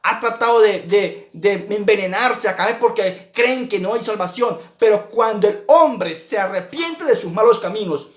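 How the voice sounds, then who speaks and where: A man's voice: sits high, unhurried, few pauses, reverberant. A man from Colombia teaching an online church Bible lesson, earnest and repetitive, with many restarts.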